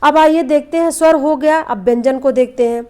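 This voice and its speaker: A high-pitched young woman teaches a grammar lesson in a patient classroom manner. She poses questions to her students and answers them herself, repeating each term. Example sounds are spoken slowly and held out. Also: warm tone. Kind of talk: classroom lesson explaining vowels and consonants.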